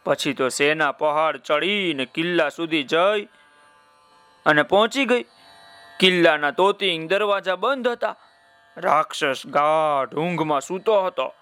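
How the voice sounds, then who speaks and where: A man's voice: fairly high pitch, unhurried, bright, forceful tone, clean tone, no echo, faint music behind. A man telling a children's story in a playful way, speaking directly to his young listeners.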